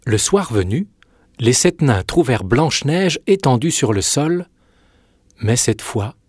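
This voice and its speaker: A man narrating a fairy tale in a measured, expressive reading. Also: medium pitch, breathy edge, no room sound, studio quality. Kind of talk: storybook narration.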